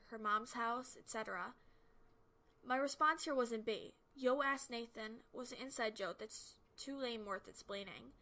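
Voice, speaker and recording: A woman's voice: fairly high pitch, fairly bright tone, a little hiss or hum. A woman reading a scripted first-person horror story as its narrator.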